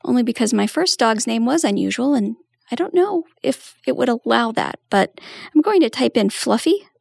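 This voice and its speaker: A woman's voice: on the high side, expressive, moderate pace, vocal fry, a little mellow, no room sound, studio quality. A woman giving a patient, step-by-step tutorial walkthrough as a trainer. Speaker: assistive technology trainer.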